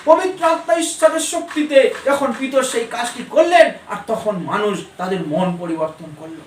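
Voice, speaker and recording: A man's voice: very high-pitched, moderate pace, slight background noise. A man preaching a sermon in a church, fervent, repeating key lines with rising emphasis. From Bengal. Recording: echoey church sound from a distance.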